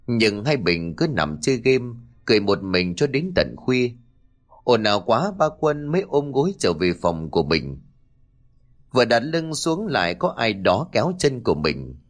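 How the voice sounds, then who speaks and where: A man's voice: lowish voice, very animated, normal speed. A man narrating a horror story with dramatic delivery.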